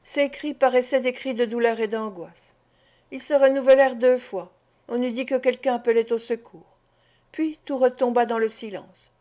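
A woman reading an adventure story aloud in a measured, expressive way. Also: a little high. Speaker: audiobook reader. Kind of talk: scripted narration.

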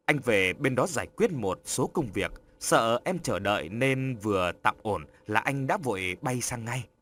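A slick, charming man coaxes and soothes with easy words, played by the male narrator. His voice stays near a medium male pitch with lively rises and falls. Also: measured pace, a little hiss or hum. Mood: tender. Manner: smooth, coaxing. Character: smooth-talking charming man, a deceiver. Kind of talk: audiobook character voice.

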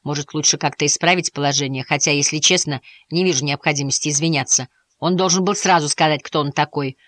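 A woman's voice: deep voice, fast, fairly bright tone, no echo. A woman voicing a brash, aggressive young male mouse in a storybook. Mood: awkward. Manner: aggressive, blustering.

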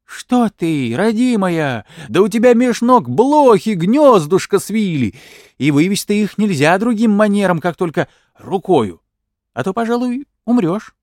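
A man's voice: high-pitched, big pitch swings, measured pace, a little mellow, dry recording, clean studio sound, pitched above the performer's own voice. A man voicing a sly, bawdy old village woman who coaxes and scolds with mock concern. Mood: scheming. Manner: coaxing, scolding, mock-solicitous.

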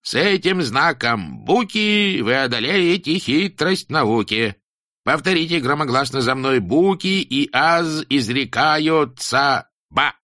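A man voicing a stern, pompous old-time schoolmaster who lectures in slow, rhyming sing-song sentences. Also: fairly high pitch, expressive, bright, forceful tone, no echo, clean studio sound, pitched above the performer's own voice, full character voice. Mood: instructing.

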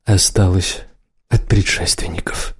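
A man voicing a calm, cold male sorcerer who speaks evenly and slowly. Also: low-pitched, breathy edge, heavily acted. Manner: even, measured, unhurried.

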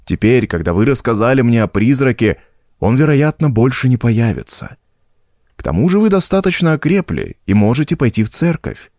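A man voicing an old village priest, gentle but firm, speaking in a calm preaching tone. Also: medium pitch, normal speed, dry recording, studio quality. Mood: solemn.

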